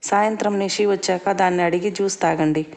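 A woman voicing a caring working mother who speaks gently and reassuringly. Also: mid-range voice, fairly even intonation, fairly quick, creaky, lightly acted.

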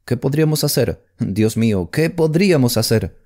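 A nervous young Englishman, a rising politician, pleading in an audiobook mystery, as a male narrator acts him. His voice is low and warm, with much movement in pitch. He sounds tense and eager for a way out. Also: big pitch swings, unhurried. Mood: anxious. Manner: anxious, pleading. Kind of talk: audiobook character voice.

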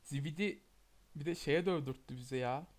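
A man's voice: fairly high pitch, moderate pace. A young man giving casual commentary on a game he is playing, talking back at the screen, urging it on and grumbling. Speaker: gameplay commentator. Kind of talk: casual let's-play commentary. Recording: loud background noise.

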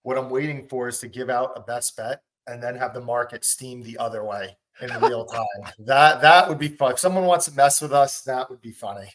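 A man's voice: medium pitch, brisk, hardly any pauses. A man on a sports betting panel, talking through his pick with a string of stats, matter-of-fact and joking at times. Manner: stat-heavy, matter-of-fact, joking asides. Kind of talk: casual sports betting analysis.

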